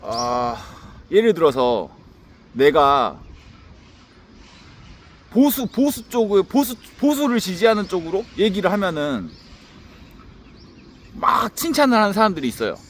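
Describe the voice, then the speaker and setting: Blunt, swearing man, high voice. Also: big pitch swings, a little slow, pauses often, slight background noise. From Haenam, South Jeolla, Korea. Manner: blunt and profane, repetitive, restarts often. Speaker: YouTuber. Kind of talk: casual monologue to camera.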